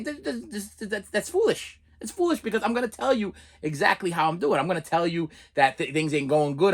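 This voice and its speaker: A middle-aged man with a Boston accent and a slightly raised pitch rants casually. He talks in halting bursts, repeats words and phrases for emphasis, and keeps checking that he is being followed. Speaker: vlogger. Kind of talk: casual spoken rant to camera.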